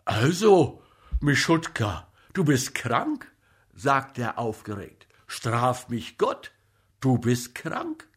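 A man voicing an agitated, boozy male comic actor who fusses loudly over a sick friend. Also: slow pace, slightly rough, exaggerated voice. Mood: fussing. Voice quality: loud, excitable, high-pitched.

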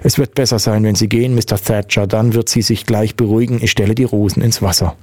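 A man voicing a gaunt, cool spinster nurse who speaks calmly and curtly. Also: fairly low pitch, fast, natural voice. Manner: calm, curt.

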